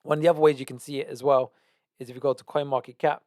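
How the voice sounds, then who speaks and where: A man's voice: medium pitch, little pitch movement, racing, darkish tone, no echo, studio quality. A man teaching trading, walking through a chart analysis with emphatic repetition and frequent "right?" checks. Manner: emphatic, repeats key words, asks "right?". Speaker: trading educator. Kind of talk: screen-share market analysis.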